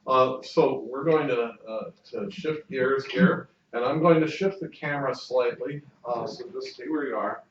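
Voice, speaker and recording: A man's voice: mid-range voice, measured pace, hardly any pauses, a little hiss or hum. A man interviewing a guest, hesitant, repeating words and using many fillers. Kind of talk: interview questions. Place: university building. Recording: distant, echoey and muffled.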